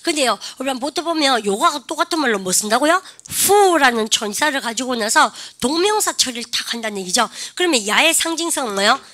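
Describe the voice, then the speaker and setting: A middle-aged woman teaches English grammar to a classroom. Her voice is fairly high and very bright. She keeps things lively, drilling students with quick call-and-response prompts. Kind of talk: classroom lecture.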